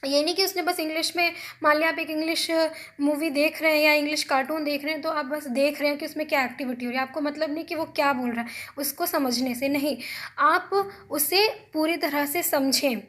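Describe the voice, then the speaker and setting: High-voiced woman teaching exam notes. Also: steady tone, fairly bright tone. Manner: reads English points slowly, then explains them in Hindi. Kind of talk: recorded lesson explaining notes.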